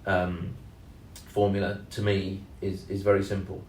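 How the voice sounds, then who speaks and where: A man co-hosting a casual podcast, speaking in a measured, hesitant way with many ums and leaning hard on key words. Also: low-pitched, completely flat delivery, darkish tone. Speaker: podcast co-host and sales trainer. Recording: roomy echo, mic at a distance.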